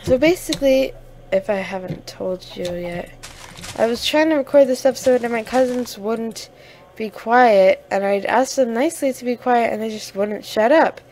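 A woman's voice: fairly high pitch, normal speed, a little mellow, a little hiss or hum. A young woman giving casual, chatty commentary over a game, sniffling now and then and easily flustered. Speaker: gamer.

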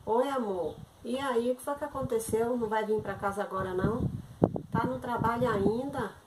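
A woman performs a one-sided comic phone call at home. She sounds chatty and exasperated, pleading and complaining, with a slightly high voice. The recording is echoey, with loud household noise behind her. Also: moderate pace. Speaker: content creator acting a comic sketch.

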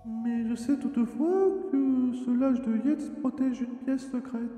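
A man's voice: extremely high pitch, steady tone, slow pace, mellow, soft background music, voice pushed up. A man voicing a cryptic summoned spirit through a voice changer filter, speaking in solemn, theatrical pronouncements during a game playthrough. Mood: grandiose. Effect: voice changer filter, echoing. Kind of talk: game let's play commentary. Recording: echoey reverb from voice changer.

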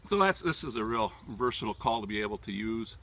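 Out in leafy woodland, a hunting instructor in his sixties gives an informal, halting, step-by-step demonstration in an animated, lowish voice. A distant mic picks up natural outdoor sounds, leaving the recording very noisy.

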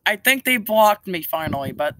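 Teenage boy screening spam calls, bright voice. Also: sits high, lively intonation, moderate pace, slight background noise, rough recording. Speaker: scam-baiting video maker. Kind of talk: casual prank calls and chat to camera. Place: outdoors beside a brick house.

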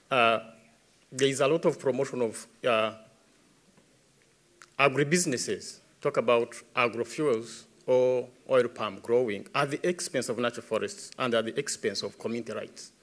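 A man in his thirties with a Ugandan English accent, speaking earnestly as an environmentalist answering questions at a tribunal, building emphasis as he goes. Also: medium pitch. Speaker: environmentalist witness. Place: large dark conference stage. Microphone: podium microphone.

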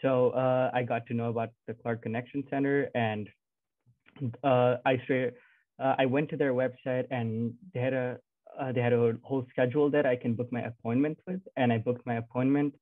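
A young man talks in a friendly, casual way, pausing with "uh." His voice comes through a thin, phone-like line. The sound is dry, with no room echo. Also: medium pitch, flat delivery. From Nepal. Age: young adult. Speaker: student panelist. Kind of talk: panel talk on a video call. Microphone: video call. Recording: dry, tinny phone-like video call audio.

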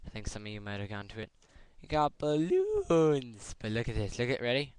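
A man's voice: lowish voice, steady tone, racing, smooth. A man chatting informally and in slang to the camera as a vlogger. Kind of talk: casual vlog to camera.

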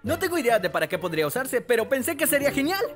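A man's voice: very high voice, big pitch swings, very fast, a bit bright, full character voice. A man voicing a naive, friendly, chatty young inventor type in a cartoon dub. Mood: upbeat, proud. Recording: faint music behind the voice.

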